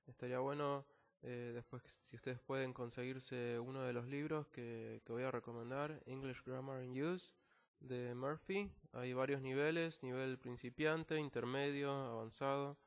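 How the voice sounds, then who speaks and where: In this screen-recorded lesson, an Argentine man teaching English explains a technical passage one word at a time, patient and full of fillers. He speaks at a measured pace, medium-pitched and steady, and the lo-fi audio sounds slightly dull.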